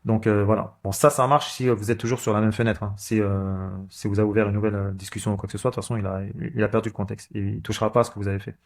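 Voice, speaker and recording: A man's voice: fairly low pitch, flat delivery, racing, hardly any pauses. A man, casually thinking aloud as he walks through code, with many fillers and restarts. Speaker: coding channel host. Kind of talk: casual screen-recorded coding walkthrough.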